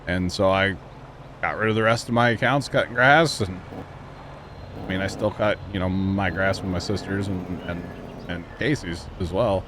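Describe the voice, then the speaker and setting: A low-pitched Missouri man in his mid-thirties talks at normal speed in a steady tone while livestreaming a farming game over a noisy background. The chat is casual and joking, full of teasing toward friends and frequent fillers.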